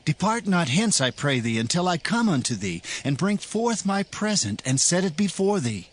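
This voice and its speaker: Man playing high-voiced, pleading Gideon. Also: sing-song, moderate pace. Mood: humble, pleading. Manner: pleading, earnest. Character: Gideon, humble, doubting, pleading Israelite man. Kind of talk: dramatized scripture reading.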